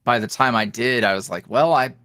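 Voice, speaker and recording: Speaking briskly in a mid-range voice, a man who makes ASMR roleplays guests on a podcast for an easygoing chat. He's animated and loose, trailing off, picking back up, and laughing between ideas. The studio-quality recording has no room sound.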